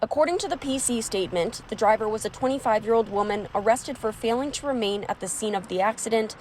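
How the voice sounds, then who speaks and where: Woman reporter, slightly high voice. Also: quick pace, a little hiss or hum. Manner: steady narrative reporting. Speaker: TV news reporter. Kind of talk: scripted news report.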